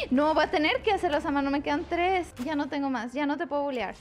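With faint music playing behind her, a woman streaming a video game chats playfully in a high, sing-song voice at a fairly quick clip. Her casual commentary mixes English words into her Spanish.

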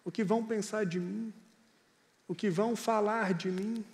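A male pastor preaches in an earnest, chatty way, telling stories to his listeners. His voice sits very high for a man. It rings out with the long reverb of a church hall. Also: fairly even intonation, a little slow, darkish tone. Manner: earnest, conversational storytelling. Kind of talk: sermon.

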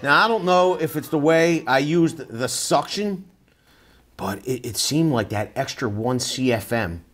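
A man in his forties giving a casual, lively tool review while testing gear in an indoor workshop, talking into a lapel mic. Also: mid-range voice. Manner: lively, chatty, excited while testing tools.

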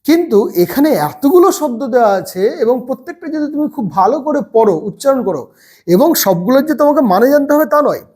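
This is a man teaching young children to read, speaking. His voice sits fairly high for a man but sounds mellow and warm. He reads each word patiently, one at a time, with a pause between them. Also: lively intonation. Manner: slow, patient word-by-word drilling. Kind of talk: children's reading lesson. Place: seated at a table.

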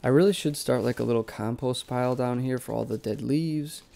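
A young man with a congested, nasal cold voice narrates a casual vlog voice-over about doing chores in his basement plant room. His medium-pitched, creaky voice moves a little fast, and his manner is relaxed, rambling, and conversational.

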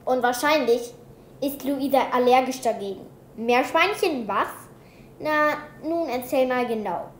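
A woman's voice: sits high, a little slow, slight background noise. A woman voicing a strict female schoolteacher who scolds her class, read from a storybook in a raised, stern voice. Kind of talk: storybook reading. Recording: roomy echo.

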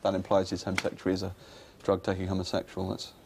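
A man's voice: deep voice, completely flat delivery, quick pace, gravelly, a little mellow, slight background noise. An actor playing a dry, pedantic male political adviser who picks apart ideas.

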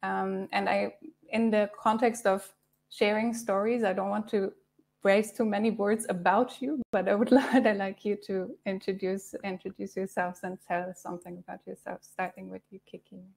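A woman in her thirties hosting a panel discussion over a video call, soft-spoken and halting, with many restarts. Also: medium pitch, little pitch movement, gravelly. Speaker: host.

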